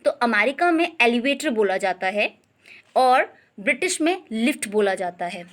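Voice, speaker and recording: A young woman teaches a grammar lesson, reading English lines slowly and deliberately before explaining them patiently and checking in often. Her voice is a little high, with big pitch swings.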